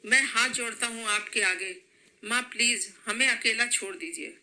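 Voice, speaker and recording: A woman narrator puts on a young husband torn between his wife and his mother, scolding one moment and begging the next. The voice stays very bright. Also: a little high, normal speed, low-quality recording. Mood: stern. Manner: pleading, then scolding.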